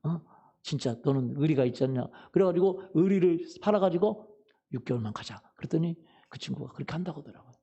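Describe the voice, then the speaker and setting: A man's voice: a little high, fast, vocal fry, warm tone, slightly rough, dull audio. A male pastor preaching a Sunday sermon in a church, telling a story and asking the congregation questions that he answers himself. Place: church sanctuary.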